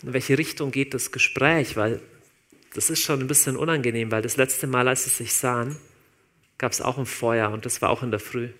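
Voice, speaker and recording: A man preaching a sermon in a relaxed, informal way, talking straight to his listeners. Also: medium pitch, moderate pace. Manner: conversational, informal, addresses listeners directly.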